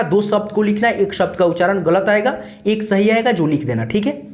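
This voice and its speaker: A man teaching an online lesson, explaining letters and spelling step by step in a patient, repetitive way and addressing viewers as friends. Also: high-pitched.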